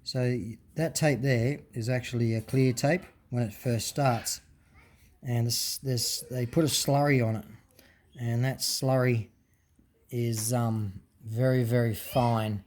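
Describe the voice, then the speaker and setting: Speaking slowly with fairly even intonation, a man with a mid-range, slightly mellow voice casually presents a teardown as a hobbyist. His unscripted explanation is peppered with ums and restarts, and there's a faint hiss or hum.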